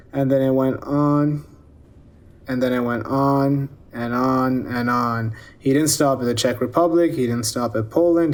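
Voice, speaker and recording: A man's voice: mid-range voice, darkish tone. A man conducting an interview, questioning pointedly with pressing, lecturing and sarcastic remarks.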